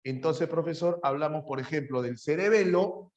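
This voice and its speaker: Animated man quizzing a class. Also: on the high side. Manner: animated, repeats phrases, quizzes students with rapid questions. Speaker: psychology teacher. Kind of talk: lively classroom lecture.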